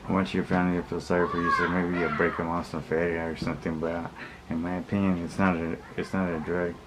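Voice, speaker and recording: There is clear background noise around this man's voice. He has a low, monotone delivery. He rambles through his opinions in blunt street slang, often circling back and repeating himself. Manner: rambling, repetitive, halting, often backtracking. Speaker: vlogger. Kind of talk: casual opinion monologue to viewers. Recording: clearly noisy recording with background ambience.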